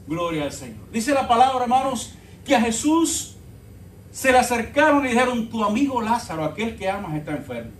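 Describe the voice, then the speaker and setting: A man's voice: very high voice, very animated, brisk, slight background noise. A man preaching a sermon as pastor, telling the story dramatically and calling the congregation brothers. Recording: echoey church from far off.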